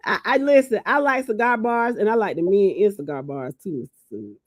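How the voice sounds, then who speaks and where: A woman's voice: mid-range voice, animated, a little fast, no echo, clean studio sound. A woman from Georgia co-hosting a podcast in casual chat, teasing and laughing often. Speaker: podcast co-host.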